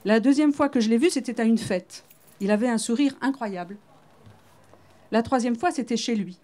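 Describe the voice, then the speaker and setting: A woman author reads from her novel at a bookshop event. Her voice is fairly high but mellow and soft-edged. Her reading is measured and understated.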